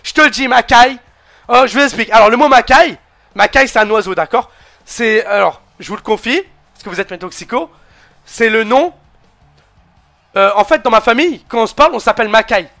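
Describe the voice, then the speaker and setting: Shouting high-voiced young man commentating a game. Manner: shouts, counts pins, swears, addresses viewers. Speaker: gaming streamer commentating a wrestling game. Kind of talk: excited play-by-play commentary.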